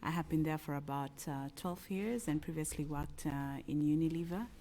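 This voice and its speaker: Low-pitched woman with a Kenyan accent. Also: moderate pace, mellow. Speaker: panelist, company executive. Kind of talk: panel talk.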